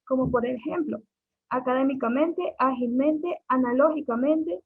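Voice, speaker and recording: A woman's voice: high-pitched, unhurried, husky. A young woman, a student, reading a class presentation and listing examples. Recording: tinny phone-like recording.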